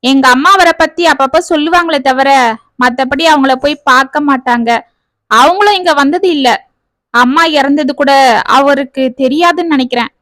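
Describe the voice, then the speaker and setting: Woman reading as a worried young guy explaining, high voice, dry sound. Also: moderate pace, fairly bright tone, no room sound. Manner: earnest, explaining. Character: young working man, worried brother.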